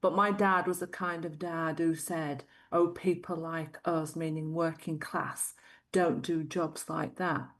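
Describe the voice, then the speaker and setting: A middle-aged Yorkshire woman, speaking with the accent of her region in England, is an interview guest thoughtfully telling her life story and laughing often. Her voice is low, with little pitch movement, and she speaks unhurriedly.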